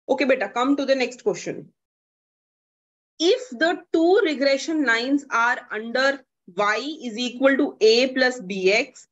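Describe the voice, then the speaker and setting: A young woman with a North Indian accent teaching an online lesson, explaining worked problems step by step and often checking understanding. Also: fairly high pitch. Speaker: economics teacher. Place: indoors, online class over video call. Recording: dull, compressed video call audio.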